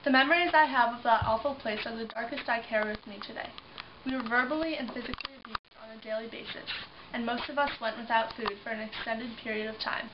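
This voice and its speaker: A woman playing a young survivor of a prison camp, speaking in a solemn, measured way in a mock news interview. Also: fairly high pitch, natural voice. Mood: grave. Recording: dull distant recording with noise.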